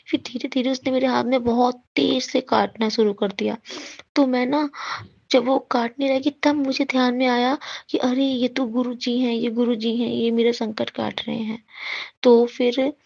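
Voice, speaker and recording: A woman's voice: on the high side, steady tone, moderate pace, creaky, darkish tone, no echo. A woman earnestly telling her own devotional experiences to a congregation, often calling out to the listeners. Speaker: devotee sharing testimony. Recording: dull lo-fi recording.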